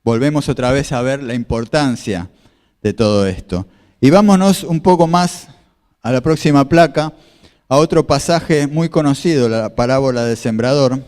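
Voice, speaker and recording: A mid-range, slightly mellow male voice carries at normal speed through a big room. He is an Argentine pastor, Spanish by first language, delivering a sermon with slides in an explanatory way, with repeated phrases and questions for the audience.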